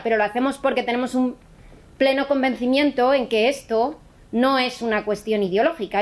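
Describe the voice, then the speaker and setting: A woman speaking earnestly in a conversational talk, thinking aloud with restarts. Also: on the high side. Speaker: teacher activist. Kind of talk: conversational explanation.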